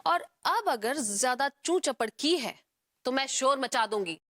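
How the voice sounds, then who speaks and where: Brash flirty dancer, high lively voice, unhurried delivery, faint hiss behind. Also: female voice. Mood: mocking. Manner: teasing, bold and mocking. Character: brash flirtatious dancing woman. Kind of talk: TV sitcom acting.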